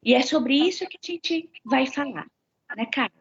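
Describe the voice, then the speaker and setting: Gravelly woman host asking questions. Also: sits high, expressive, normal speed, dull audio. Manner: asks guiding questions and sums up. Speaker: host and moderator. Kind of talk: live online health talk.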